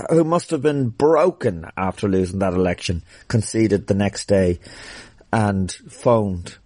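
A man's voice: on the low side, a little mellow, no room sound. A man hosting a podcast, ranting in a blunt, profane, angry way. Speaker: podcast host. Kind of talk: casual rant and interview.

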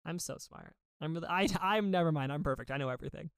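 Female podcast co-host, playful and conversational, creaky but clean tone, very dry sound. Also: sits low, fast, no echo. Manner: playful, joking. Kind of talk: casual chat.

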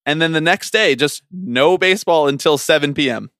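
A man's voice: fairly high pitch, moderate pace, dry recording, clean studio sound. A man co-hosting a podcast, chatting casually and ranting with teasing energy. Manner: animated, teasing, ranty. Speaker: podcast co-host.

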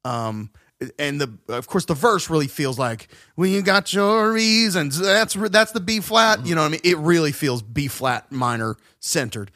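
Chatty man with fillers, slightly high voice. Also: very animated, normal speed, pushed and bright, no room sound, clean studio sound. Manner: rambling, many fillers and restarts, sings snippets. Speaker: podcast co-host. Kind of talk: casual music-analysis chat.

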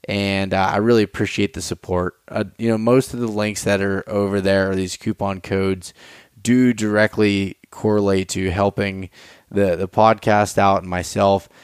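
A man's voice: fairly low pitch, little pitch movement, normal speed, smooth, no echo, clean studio sound. An American man hosting a podcast, talking casually and informally with hesitant phrasing. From Pennsylvania, United States. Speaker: podcast host.

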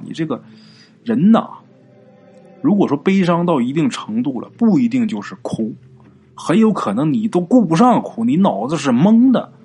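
A man narrating a ghost story in an unhurried, colloquial way with chatty asides. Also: mid-range voice, darkish tone, breathy edge.

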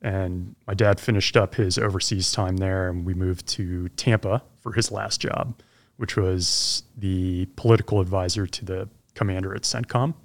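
A low-voiced man in his forties, a former Army helicopter pilot, tells stories at a moderate pace as a relaxed, easygoing podcast guest in a casual interview. He grew up abroad in Belgium, Zimbabwe and Pakistan before settling in Florida.

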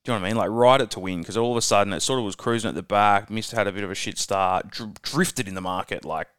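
A man's voice: fairly low pitch, quick pace, a bit bright, clean tone, no room sound, studio quality. A man co-hosting a casual racing podcast, chatty and leading the talk. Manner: chatty, leads the conversation. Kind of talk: casual chat.

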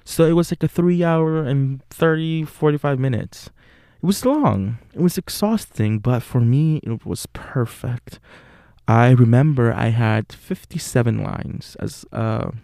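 Slow, gravelly, and dark-toned at a medium pitch, a young native Spanish speaker from Puerto Rico hosts his solo podcast earnestly in a Puerto Rican Spanish accent. He leans on fillers and frequently corrects himself. The studio-quality recording has no echo.

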